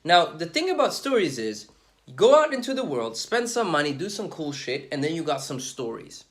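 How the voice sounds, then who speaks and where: A young man who is a dating coach, talking casually to camera in an energetic, slangy, emphatic way. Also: fairly high pitch, normal speed. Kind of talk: casual vlog talk to camera.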